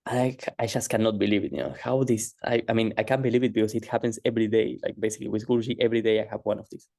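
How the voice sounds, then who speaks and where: Halting, mellow-voiced man telling a story. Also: on the low side, steady tone, vocal fry, no echo, clean studio sound. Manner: hesitant, halting, many fillers and restarts. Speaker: guest telling a personal story. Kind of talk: casual storytelling.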